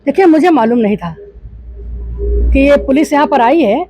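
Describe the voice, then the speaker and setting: A woman's voice: sits high, lively intonation, normal speed, mellow, faint music behind. An older woman from eastern Uttar Pradesh, a politician answering a news reporter's questions with indignant rhetorical questions. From Gorakhpur, eastern Uttar Pradesh, India. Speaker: interviewee, politician. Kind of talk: news interview.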